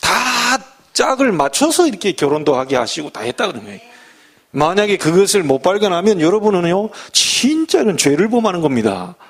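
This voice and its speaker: Middle-aged guy pastor preaching, high voice that swings all over, jokey and folksy. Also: sing-song, moderate pace, a bit bright. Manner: folksy preaching with humor and rhetorical questions. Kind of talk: sermon.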